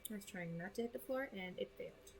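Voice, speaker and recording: A woman's voice: medium pitch, fast talker, background noise. A young woman hosting a casual let's-play from home, chatting and reading in-game text aloud with lots of ums. She has the hiccups. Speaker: gaming channel host. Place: home room.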